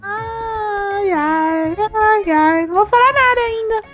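A woman voicing a lazy, clingy little baby girl superhero in a Minecraft roleplay, squeaky and panicky. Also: slow pace, a bit bright, lo-fi sound, faint music behind, exaggerated voice. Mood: whiny.

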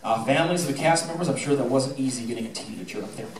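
Speaking very fast at a medium pitch, a middle-aged high school theatre director tells animated stories and offers thanks in a casual stage speech. The sound comes from a handheld mic through the PA, caught by a distant audience camera in a roomy space with a little hiss or hum.

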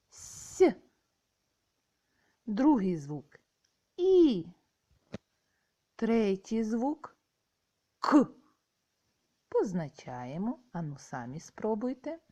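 Slow, lively-pitched teacher woman. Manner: patient and encouraging, drawn-out with lively pitch swings. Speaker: primary school teacher. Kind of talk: slow, sing-song classroom lesson for young children. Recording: dull lo-fi recording.

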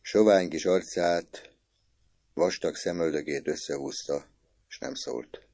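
Deep, dark-toned male audiobook narrator.

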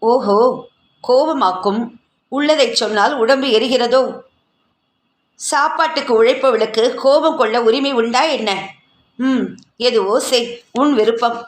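A woman's voice: on the high side, unhurried, long pauses, close to an everyday voice. A woman voicing a stubborn, blunt young husband who talks in a lecturing, matter-of-fact way, heard in a roomy recording. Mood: scornful. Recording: roomy echo.

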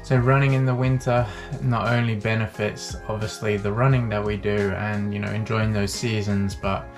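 A man in his thirties chatting casually and quietly to a handheld camera while sitting in a small wooden sauna. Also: moderate pace, music in the background. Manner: relaxed, low-key, sitting still. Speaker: vlogger. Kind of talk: casual vlog chat. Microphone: action camera at arm's length.

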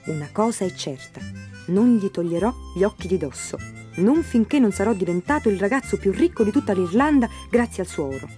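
A woman's voice: mid-range voice, lively intonation, a little fast, warm tone, soft background music, close to an everyday voice. A woman voicing a greedy, stubborn farm boy who talks in a cocky, scornful way in a storybook reading. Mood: scheming.

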